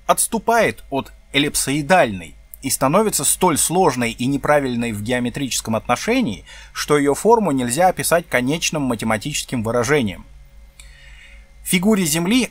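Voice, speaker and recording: A man's voice: mid-range voice, no room sound. A man reading a textbook aloud in a lesson video, breaking off for plain asides and correcting himself as he goes.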